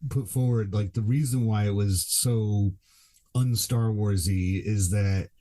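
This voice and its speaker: A man's voice: lowish voice, steady tone, a little slow, dark tone. A man co-hosting a podcast in casual chat, rambling with lots of fillers and restarts. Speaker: podcast co-host.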